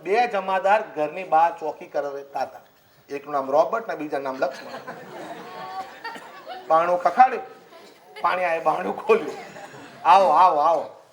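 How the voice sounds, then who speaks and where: A male preacher with a notably high voice. He delivers his sermon as a comic story, acting out each character's lines and dropping in laughing asides as he goes. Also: moderate pace, pauses often, a faint crowd.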